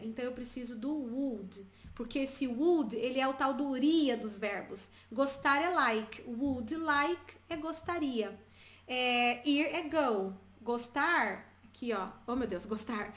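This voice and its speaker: A Brazilian woman teaching English to viewers, chatty and repeating example phrases slowly for learners. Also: sits high, a bit bright, echoey room. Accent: Brazilian Portuguese. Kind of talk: bilingual English lesson, addressing viewers.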